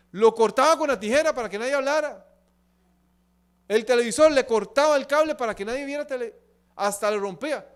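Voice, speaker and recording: A man from Latin America giving a church seminar talk, often asking the audience rhetorical questions. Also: high voice. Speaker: seminar speaker. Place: church hall.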